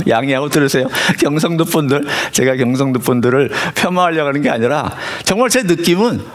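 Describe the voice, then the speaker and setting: A middle-aged male pastor preaching a sermon, telling stories and swinging between loud emphasis and hushed asides. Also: on the high side, creaky.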